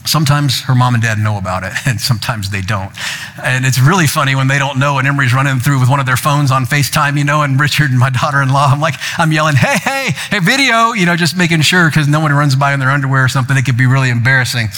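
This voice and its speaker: A man's voice: medium pitch, fairly even intonation, fast, a bit bright. An older man preaching as a pastor, telling a personal story and quoting his family in playful raised voices. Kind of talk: sermon. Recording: long hall reverb.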